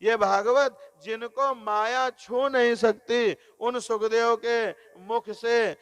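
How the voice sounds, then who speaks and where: A man giving a devotional sermon on scripture, explaining slowly, repeating phrases and often addressing listeners as Narayan. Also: very high-pitched, steady tone, fairly bright tone, clean tone, dry recording. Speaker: religious discourse speaker.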